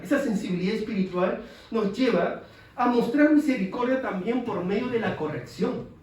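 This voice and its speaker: A man's voice: high voice, darkish tone. A man preaching a sermon as pastor, emphatic and repetitive. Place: church. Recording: echoey church hall from a distance, faint noise.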